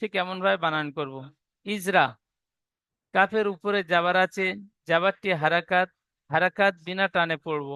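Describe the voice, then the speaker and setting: A man teaching Arabic reading in an online class, spelling letters slowly and drawn out, then explaining briskly. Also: high-pitched, sharp tone, clean tone, no room sound.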